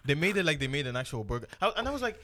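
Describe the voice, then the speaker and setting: A man talks quickly in a relaxed chat with friends, teasing them as he tells the story. A faint hiss sits under his voice. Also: a little high. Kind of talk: casual chat among friends.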